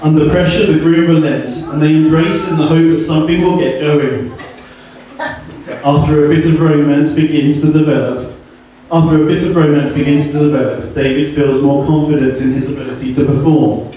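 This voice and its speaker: A man giving a joking best man speech in deadpan delivery at a wedding reception. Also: a little high, normal speed, a little hiss or hum. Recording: echoey hall from far off, laughing crowd. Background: guests laughing.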